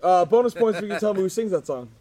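A man's voice: sits high, animated, racing, a crowd in the background. A man hosting a casual podcast outdoors, joking and swearing through crude banter with friends. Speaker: podcast host. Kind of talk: casual chat.

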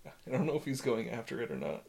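A man's voice: mid-range voice, sing-song, fast, gravelly, a little mellow, a little hiss or hum. An easygoing man talks as a guest on a casual home podcast. He often starts hesitantly and laughs between his lines. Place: spare bedroom at home.

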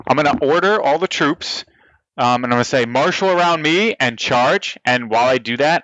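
Man, tabletop player, bright forceful voice, casual animated talk, slightly dull dry recording. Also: mid-range voice, no echo.

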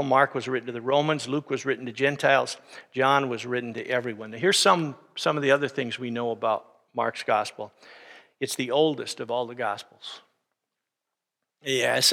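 A man's voice: medium pitch, gravelly, sharp tone, in a large hall. A man preaching a sermon as pastor, teaching steadily and then rising to emphatic preaching.

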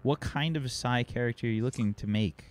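A man's voice: medium pitch, fairly quick. A man running a tabletop game as game master, talking in a casual, joking, conversational way.

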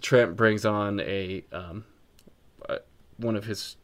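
A man's voice: on the low side, steady tone, slow pace. A man co-hosting a podcast, chatting casually about music and rambling with frequent ums and restarts. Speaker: podcast co-host.

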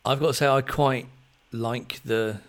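A man hosting a podcast, chatting about music in a relaxed, thoughtful way with plenty of ums. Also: medium pitch, unhurried. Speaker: podcast host. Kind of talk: casual music chat.

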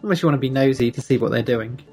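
A man's voice: medium pitch, rapid-fire, a little mellow, soft background music. A man chatting casually while watching a show, rambling with lots of "it's just like". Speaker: commentator reacting to a TV show. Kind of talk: casual chat.

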